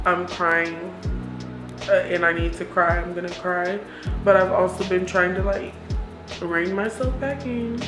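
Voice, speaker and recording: Woman, low voice, flat intonation, confessional vlog chat, candid, roomy echo. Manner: candid, reflective, self-encouraging. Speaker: vlogger. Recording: roomy echo with music behind.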